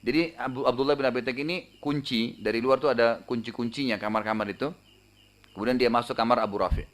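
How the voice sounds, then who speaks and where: Fast-talking male preacher telling a story. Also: medium pitch. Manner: conversational, frequent tag fillers; animated retelling, raising voice for dramatic moments. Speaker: Islamic preacher. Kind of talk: storytelling sermon.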